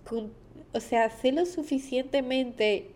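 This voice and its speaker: A woman's voice: high-pitched, takes it slowly, a little mellow. A young woman hosting a personal podcast, speaking candidly and emotionally about heartbreak and loss, sounding tired and at times searching for her words. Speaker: podcast host.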